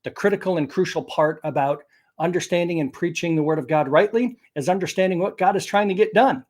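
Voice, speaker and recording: A man's voice: sits high, brisk, darkish tone. A man hosting a live online interview, presenting in an upbeat, promotional way over a video call. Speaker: host.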